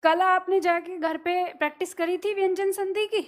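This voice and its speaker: In a classroom, a high-voiced woman teaches grammar with a steady tone at a moderate pace. She patiently works through examples, asking questions and then answering them herself.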